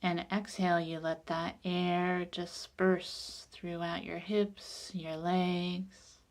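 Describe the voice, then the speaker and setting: Soothing and unhurried, a woman with a fairly low pitch guides a meditation session. Her soft delivery becomes breathy as each phrase finishes.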